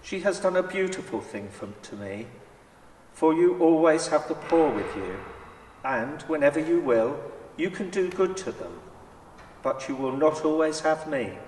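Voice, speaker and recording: A man playing Jesus as a solemn, measured, authoritative teacher in a dramatised church scripture reading. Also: on the high side, animated, darkish tone, slight background noise. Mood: reproving. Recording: echoey church hall, far from mic.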